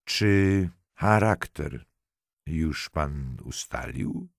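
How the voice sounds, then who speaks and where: A man's voice: extremely low pitch, expressive, drawn-out words, creaky, dry recording, heavily acted. A man reading a young woman, teasing at first and later frightened and close to tears. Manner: teasing, then pleading and breathless.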